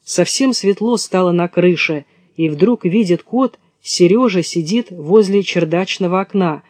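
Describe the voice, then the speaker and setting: A man narrating a children's storybook in a lively storytelling manner. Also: high voice, measured pace, no room sound. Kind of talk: storybook reading.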